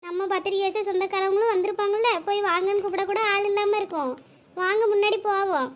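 A woman's voice: extremely high pitch, fairly even intonation, fast talker. A woman voicing a kind, reassuring young married woman in a cartoon, speaking in a firm, comforting way. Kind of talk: cartoon voice acting.

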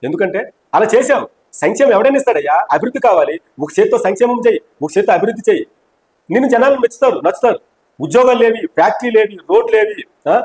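A man's voice: high voice, animated, fast talker, a little mellow, rough recording. A man in a heated political interview, speaking as an opposition party member in a fiery, mocking and combative way.

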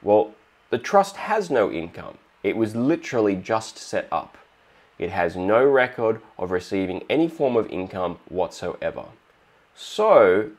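An Australian man with a somewhat low voice walks through a money topic in a steady, explanatory monologue. He now and then slips into short acted exchanges to make his point. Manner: steady explanatory, acts out little dialogues. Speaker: finance video host.

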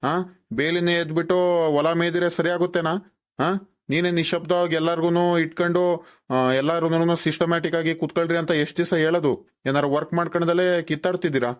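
A strict but kindly village schoolteacher in a cartoon, voiced by a man, speaking in a somewhat high voice with a rural Karnataka Kannada accent. He scolds and lectures his class, tossing a questioning "aa?" after each point. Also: little pitch movement, brisk, natural voice. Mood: scolding. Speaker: teacher. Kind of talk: cartoon voice acting.

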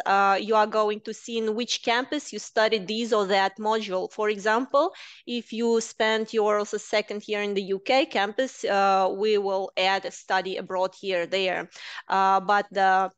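A woman's voice: mid-range voice, clear, resonant tone, no room sound. Woman hosting a video-call webinar. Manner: explanatory, frequent filler sounds. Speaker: careers and engagement manager. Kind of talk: webinar presentation and moderating. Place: indoors, virtual background. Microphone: headset on a video call.

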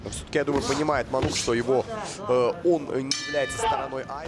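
Quick talking guy on boxing commentary, normal pitch, noisy crowd in back. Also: fairly even intonation. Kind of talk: live sports commentary. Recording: arena crowd noise behind voice.

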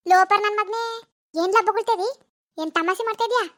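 An actor voices a furious rural mother in a village cartoon, sharp-tongued and quick to insult. The voice sits very high and races along. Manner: scolding, hurling insults. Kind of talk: animated village drama.

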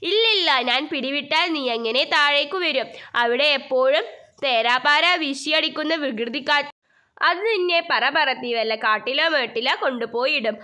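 A woman's voice: high-pitched, normal speed, sharp tone. A woman voicing an anxious little girl in a storybook reading, pleading and worried.

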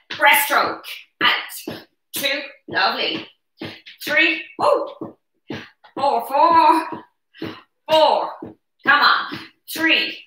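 Bright, high-pitched woman counting workout reps. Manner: counting workout reps aloud in short cues; energetic, encouraging while exercising. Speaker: aerobics instructor leading chair exercises. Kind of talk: live fitness class coaching. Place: brick-walled living room at home. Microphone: camera a few metres away. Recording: roomy echo, distant camera microphone.

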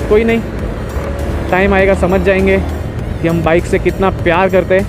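A young man, chatting in a rambling, easygoing way while riding a motorbike on a highway and mixing in English words. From India. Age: young adult. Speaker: motovlogger. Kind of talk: casual chat while riding.

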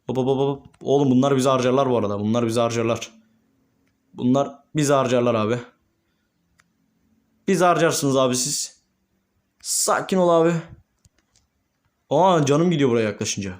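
A young man, a gaming YouTuber, commentating his own gameplay and swinging between calm murmurs and excited shouts. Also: medium pitch, moderate pace, long pauses.

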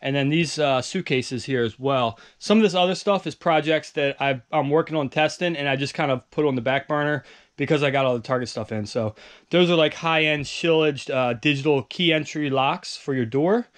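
A man's voice: a little high, moderate pace. Rambling man touring his basement stock. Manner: loose, rambling, many fillers. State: out of breath. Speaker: online reseller vlogger. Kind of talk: casual walkthrough vlog. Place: home basement storage room.

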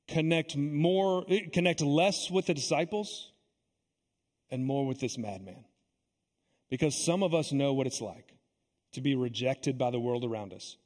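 A pastor preaching a sermon in a church, earnest and deliberate, pausing often and repeating his phrases for weight. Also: on the high side, darkish tone. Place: church sanctuary. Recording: long echo of a church sanctuary.

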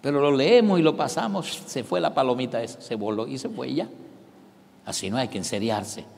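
A man with a Venezuelan Spanish accent, preaching a live sermon with dramatic swings from shouting to whispering. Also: mid-range voice, fairly quick, vocal fry. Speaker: pastor. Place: large church hall. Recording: long reverb of a large church hall.

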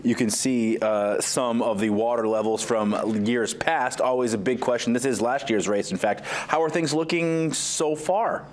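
A man's voice: medium pitch, unhurried, hardly any pauses. News anchor guy in his 30s asking questions on set, casual with lots of uhs. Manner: conversational, filler-heavy questions. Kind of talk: live TV studio interview. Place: TV news studio. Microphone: lapel mic.

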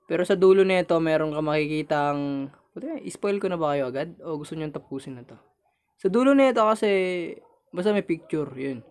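A young man with a Filipino accent, his voice a touch high, talks casually to his viewers as he plays a horror game. He is jumpy, bursting into shouts and nervous laughter when something startles him, then going back to chatty commentary. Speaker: gamer playing a horror game.

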